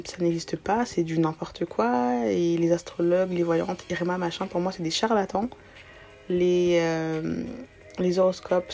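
A woman in her early twenties with a warm voice on the low side hosts a relaxed solo podcast, answering questions introducing herself. French isn't her native language; she was born outside France and arrived as a young child. Her speech is informal and slangy, with English words mixed in.

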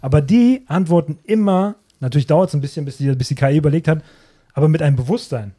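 A man chatting on a podcast, rambling excitedly and acting out quoted characters. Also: a little high, fast. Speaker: podcast co-host. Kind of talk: casual chat.

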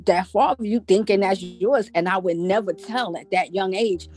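A woman's voice: medium pitch, moderate pace, darkish tone. A woman from Brooklyn, telling her personal story as a guest with lots of restarts. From Brooklyn, New York. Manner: rambling, many "like" and "you know" restarts.

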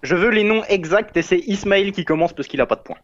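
Teasing male co-host, high, dull sound. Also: animated, quick pace, a crowd in the background. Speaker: radio co-host.

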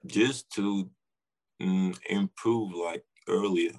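Deep-voiced young Senegalese man. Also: fairly even intonation, slow, a little mellow. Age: young adult. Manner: informal, slangy phrasing with short answers. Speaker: interview guest, basketball player. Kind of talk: casual podcast interview.

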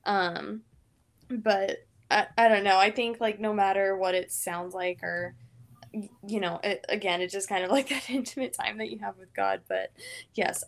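A young woman co-hosting a podcast who leads worship, talking casually with many fillers and frequent laughs. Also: mid-range voice. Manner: chatty, lots of fillers, laughs often. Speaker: podcast co-host, worship leader.

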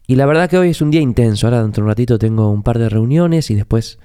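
A man's voice: mid-range voice, animated, racing, warm tone, clear, resonant tone, no room sound, studio quality. A man with a Rioplatense Spanish accent and a congested, nasal voice from a recent flu, talking reflectively and informally as a podcast host. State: recovering from flu. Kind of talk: reflective conversational podcast monologue. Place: office.

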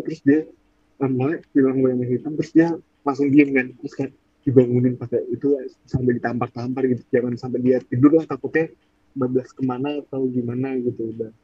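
A man's voice: mid-range voice, husky, dull audio. A young man in his twenties casually telling a ghost story, rambling and searching for words. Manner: rambling, searches for words, acts out quoted voices. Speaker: podcast storyteller.

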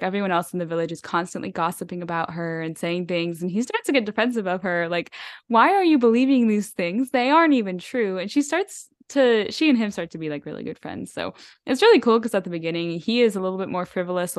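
A woman's voice: on the low side, smooth, no room sound, studio quality. A woman co-hosting a podcast, chatting casually and enthusiastically about books, rambling with lots of fillers and little laughs. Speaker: podcast co-host. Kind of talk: casual book chat.

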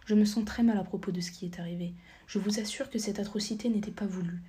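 A woman's voice: medium pitch, fairly even intonation, quick pace, warm tone, husky. A woman voicing an elderly grandfather in a storybook reading, pleading and conciliatory. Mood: soothing. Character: elderly grandfather, worried but placating.

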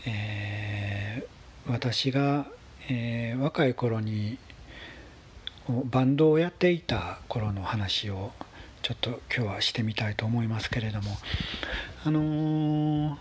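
A man with a husky voice, telling a story in a casual, polite monologue with gentle pauses. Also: mid-range voice. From Kansai, Japan. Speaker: solo talk show host.

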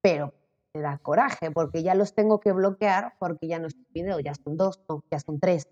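A Mexican content creator in her late twenties, with a voice on the low side, is a guest in a casual interview. She's animated and quick to laugh, quoting herself in lively bursts. The audio is dull, with long reverb.

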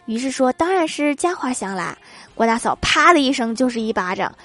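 A woman's voice: high-pitched, big pitch swings, brisk, fairly bright tone. A woman hosting a comedy segment, reading funny everyday anecdotes and laughing at her own punchlines. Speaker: host.

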